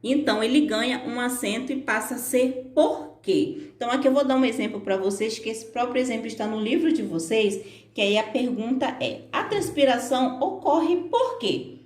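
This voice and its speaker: A woman's voice: a little high, steady tone, brisk, a little mellow. Brazilian teacher woman, echoey room. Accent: Brazilian Portuguese. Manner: patient, explanatory, frequent fillers like "né". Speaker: primary school teacher. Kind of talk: recorded online lesson for children.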